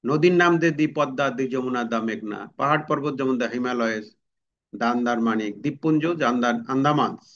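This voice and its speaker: A man's voice: mid-range voice, a little fast, fairly bright tone, highs cut off, a little hiss or hum. A man teaching an exam-prep grammar lesson, explaining step by step, repeating examples and asking the class questions.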